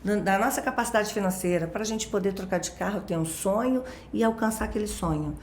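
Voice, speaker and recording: A woman's voice: medium pitch, a little fast, roomy sound, slight background noise. A woman with a Rio de Janeiro accent, a guest expert explaining things in casual chat with everyday examples and constant tag questions. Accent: Rio de Janeiro Portuguese. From Brazil, born in Minas Gerais.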